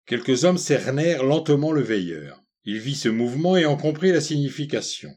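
A man reading a literary story aloud in a measured, deliberate narration. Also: medium pitch, lively intonation, a little mellow. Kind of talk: scripted audiobook narration.

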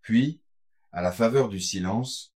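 Male audiobook narrator: lowish, very slow, measured literary reading. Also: darkish tone.

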